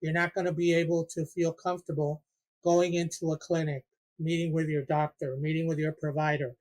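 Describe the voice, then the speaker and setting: Guy from puerto rico talking about his support group, earnest, kinda high and flat. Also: brisk. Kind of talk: interview answers.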